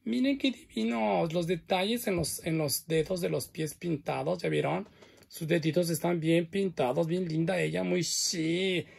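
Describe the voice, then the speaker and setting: A man's voice: fairly high pitch, gravelly, darkish tone, breathy edge. A man chatting to viewers as he shows off his doll collection, full of exclamations. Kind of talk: casual unboxing and show-and-tell.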